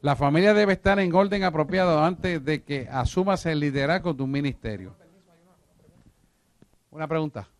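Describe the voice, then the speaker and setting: A man's voice: on the high side, normal speed, long pauses. A man teaching a church discipleship class, emphatic and repetitive, often asking if his listeners follow him. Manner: emphatic, repeats himself, asks listeners if they follow.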